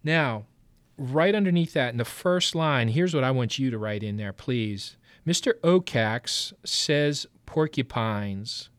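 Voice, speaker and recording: A man's voice: mid-range voice, no echo. Patient male teacher giving a reading lesson. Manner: patient, instructive, with frequent fillers and pauses.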